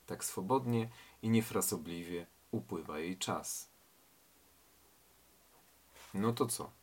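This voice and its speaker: A man's voice: sits low, slow, husky. A man reading a tale aloud and commenting on it reflectively, asking rhetorical questions. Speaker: reader and literary commentator.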